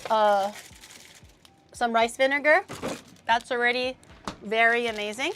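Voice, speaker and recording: A mid-range, fairly bright voice belongs to a woman streamer and VTuber making casual chat as she cooks on a livestream in her home kitchen. She speaks bluntly and profanely, murmuring over the food as she tastes it, with a little hiss or hum present.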